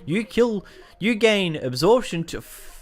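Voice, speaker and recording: A young Australian gaming YouTuber casually comments on a video game, chatty and self-mocking, tripping over words as he reads. His voice is high-pitched with big pitch swings and an unhurried pace.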